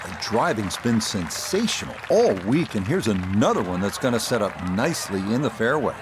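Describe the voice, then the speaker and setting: A man giving golf commentary as lead play-by-play announcer, calling shots in short, measured phrases. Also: lowish voice, big pitch swings, a crowd in the background, noisy background. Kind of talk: sports commentary for a golf video game.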